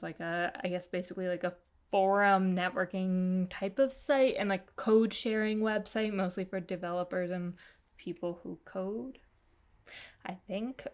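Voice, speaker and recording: A young woman casually reviewing books she read, chatty and full of "like" and "um". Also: lowish voice. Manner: chatty, lots of fillers and "like". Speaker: book vlogger. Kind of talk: casual book review chat.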